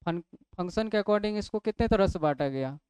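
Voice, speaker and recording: A man's voice: sits high, lively intonation, normal speed, a little mellow, smooth, no room sound. A man teaching English grammar in a classroom lecture, asking questions and answering them himself step by step. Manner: explains step by step, asks and answers his own questions.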